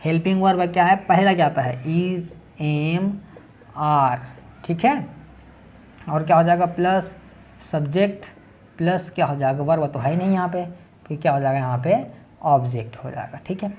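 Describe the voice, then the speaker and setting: A man's voice: fairly high pitch, normal speed, a little mellow. Chhattisgarh-accented male English grammar teacher. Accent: Chhattisgarh Hindi. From Chhattisgarh, India. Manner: step-by-step, keeps checking in with "ठीक है". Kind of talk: classroom grammar lesson at a board.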